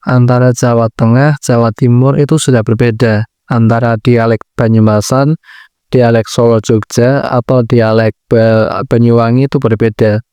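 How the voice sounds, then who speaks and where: A man explains his lesson in a patient, steady way, breaking his ideas into short clauses. His voice is mellow and smooth. The recording is close and dry. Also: medium pitch, moderate pace, no echo. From Central Java, Indonesia. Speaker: Arabic language teacher. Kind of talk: educational lesson.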